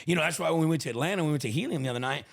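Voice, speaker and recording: Gravelly, profane man telling stories. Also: fairly high pitch, racing. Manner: profane, animated storyteller. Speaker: comedian and podcast host. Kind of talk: casual chat.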